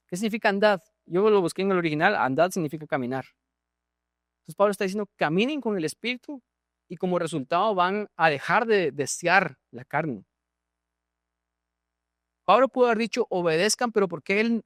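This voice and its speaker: A Guatemalan pastor preaches to his congregation, throwing questions at the listeners and doubling back on his words as he goes. His voice sits a little high for a man. The sound is dry and close, with little room echo. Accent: Guatemalan Spanish. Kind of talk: sermon. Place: church.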